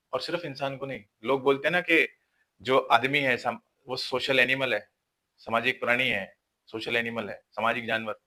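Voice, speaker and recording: Guy giving relationship advice, lecturing, keeps hammering the point, crisp bright tone. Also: medium pitch. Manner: earnest, lecturing, repeats points with rhetorical questions. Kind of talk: lecture-style advice talk.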